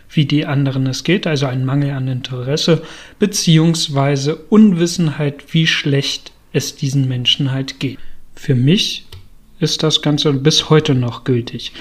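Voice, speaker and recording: A man giving a calm spoken analysis of a classic novel, explanatory and peppered with fillers. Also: a little high. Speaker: literature explainer.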